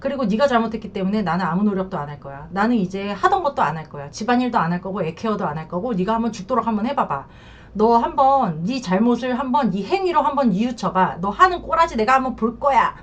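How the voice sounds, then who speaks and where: Scornful, shrill betrayed wife, put on by a woman; rises sharply, slightly muffled sound. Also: lively intonation, fast talker. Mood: taunting. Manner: taunting, shrill outbursts.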